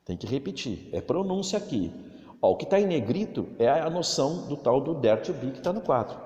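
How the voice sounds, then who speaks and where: Male teacher, Brazilian Portuguese accent, lively pitch, slow drawn-out English words, echoey room with long reverb. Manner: explains slowly, stretching English words to model pronunciation. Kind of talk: recorded remote lesson for children.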